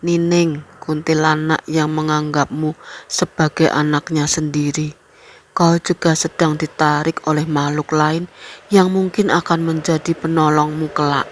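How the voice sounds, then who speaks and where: A wise older uncle figure voiced by a woman in a horror story reading. He speaks slowly and gravely, and his voice is fairly low and calm. He sounds knowing and protective. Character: wise older male uncle with mystical knowledge.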